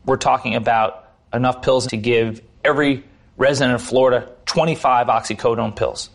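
A man answering in a news interview as an official, speaking deliberately and with emphasis. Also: medium pitch, fairly even intonation, creaky. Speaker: state attorney, interviewee.

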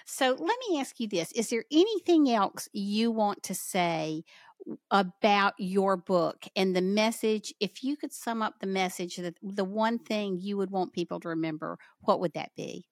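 A woman's voice: medium pitch, measured pace, no room sound, studio quality. A woman with a Southern US accent hosts a podcast interview, affirming her guest often and asking open questions. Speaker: podcast host. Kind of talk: interview conversation.

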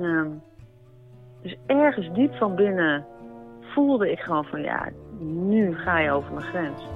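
Woman, personal testimony, halting, many fillers and restarts, tinny phone-like audio, faint background music. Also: lowish voice, no room sound. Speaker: storyteller recounting a personal experience. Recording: narrow phone-like sound with faint music behind.

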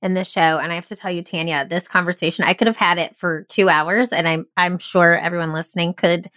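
A woman's voice: on the low side, steady tone, brisk, a bit bright, clean tone, no echo, studio quality. A woman hosting a podcast interview, talking in an effusive, enthusiastic, casual way. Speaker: podcast host.

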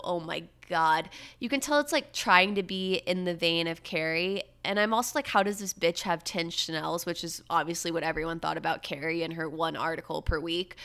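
Woman, bright clear voice, gossipy, sarcastic, casual podcast chat. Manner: gossipy, sarcastic, animated with swooping pitch. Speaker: podcast host. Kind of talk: casual pop-culture chat.

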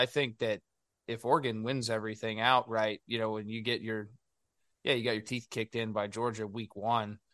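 A man giving casual sports analysis as a panelist, haltingly repeating words as he builds his point. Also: fairly low pitch, bright, forceful tone, no echo.

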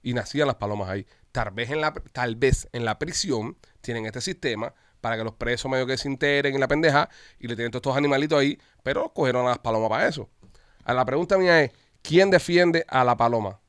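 Man, podcast host, rapid, animated and profane, dry close sound. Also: mid-range voice, smooth, dry recording. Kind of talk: casual group chat.

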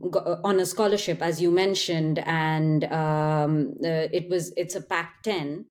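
A woman's voice: sits low, steady tone, a little slow, a little mellow, slight background noise. A woman co-hosting a podcast, prompting the guest with questions. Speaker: podcast co-host. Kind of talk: conversational interviewing.

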